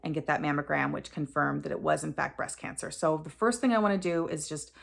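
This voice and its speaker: A woman's voice: low-pitched, a little fast, gravelly. A woman in her forties telling a personal story to camera in an earnest, candid way, often correcting herself as she goes. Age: 40s. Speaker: vlogger sharing a personal story.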